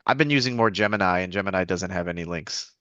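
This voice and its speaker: A man's voice: deep voice, fast talker, a bit bright, no room sound, lo-fi sound. A man chatting casually with a webinar host, curious and asking questions. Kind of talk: casual chat.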